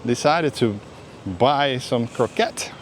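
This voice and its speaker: A man's voice: medium pitch, slow pace. A man hosting a casual walking vlog, chatting in a hesitant, meandering, conversational way. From Aruba. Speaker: vlog host. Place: outdoors, walking along a road. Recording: noisy outdoor street with traffic. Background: clear outdoor street and vehicle noise.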